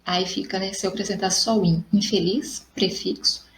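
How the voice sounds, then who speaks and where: A woman's voice: mid-range voice, steady tone, normal speed, a bit bright. A woman with a Brazilian Portuguese accent, teaching a recorded lesson. She explains step by step, asks questions and answers them herself, and ends points with short tag questions. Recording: echoey room, faint ambient noise.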